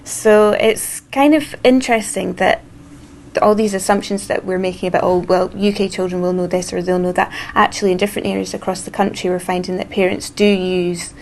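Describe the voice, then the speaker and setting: Creaky young woman explaining. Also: medium pitch, steady tone, fairly quick, darkish tone, a little hiss or hum. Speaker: research assistant. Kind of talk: conversational explanation.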